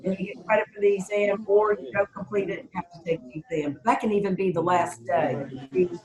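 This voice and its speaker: A woman's voice: mid-range voice, steady tone, fairly quick, highs cut off, crowd noise. Woman university lecturer, casual online class, lots of fillers and restarts, reverberant room on a computer mic. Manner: casual, with frequent ums and self-corrections. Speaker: university professor. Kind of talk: online lecture over video call. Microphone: video call computer mic.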